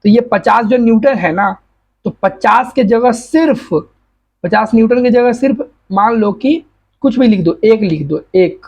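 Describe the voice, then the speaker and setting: A man's voice: sits high, a little slow, creaky, a little mellow. A man teaching a physics lecture for exam prep, explaining step by step with everyday examples and often checking that students follow. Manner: uses plain everyday examples.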